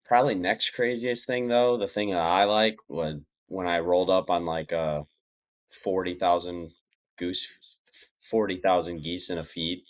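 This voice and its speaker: A man's voice: sits low, fairly even intonation, unhurried. A man chatting casually as an interview guest, talking in a plainspoken, reflective way. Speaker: podcast guest.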